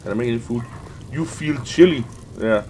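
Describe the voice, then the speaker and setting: A young man with a sniffly cold hosts a casual let's play from his desk indoors, seen on webcam, rambling and swearing through the gaming commentary. His voice is medium-pitched, a little mellow, and moderately paced. The low-quality recording carries a little hiss or hum, with faint game music behind him.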